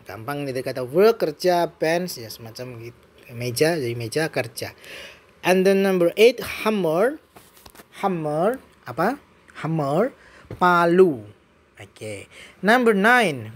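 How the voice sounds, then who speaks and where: An English teacher with an Indonesian accent, giving a bilingual vocabulary lesson and switching between English and Indonesian with playful asides. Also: mid-range voice.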